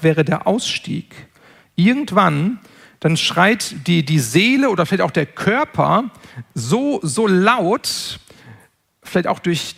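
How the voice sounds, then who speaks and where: High-voiced, gravelly man lecturing earnestly. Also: a bit bright. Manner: measured, earnest, with frequent word repetitions. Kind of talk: spoken lecture.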